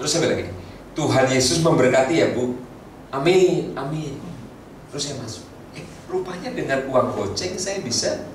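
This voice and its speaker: A middle-aged pastor from Tegal, telling stories in a chatty sermon and speaking to the congregation. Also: male voice, on the high side, far from the mic, a little hiss or hum. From Tegal, Central Java. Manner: storytelling, lively, chatty asides to the congregation. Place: church hall. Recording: echoey hall, mic from afar.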